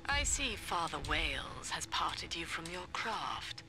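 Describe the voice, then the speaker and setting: An actress voicing a calm, cold female cult leader in a game, speaking in a soft, slow, breathy near-whisper. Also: sits low, over music, heavily acted. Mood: cold, taunting.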